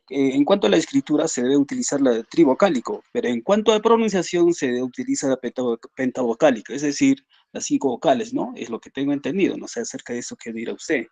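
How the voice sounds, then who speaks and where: A man's voice: medium pitch, vocal fry, dry recording. A man, a student in an online class, politely and hesitantly asking his teacher a question.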